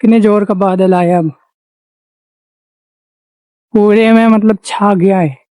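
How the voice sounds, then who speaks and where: A man's voice: high-pitched, steady tone, slow, mellow, poor audio. A young man from India chatting casually to camera, explaining his village life to his viewers. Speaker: village vlogger. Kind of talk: casual vlog narration to camera. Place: village home, garden and roadside.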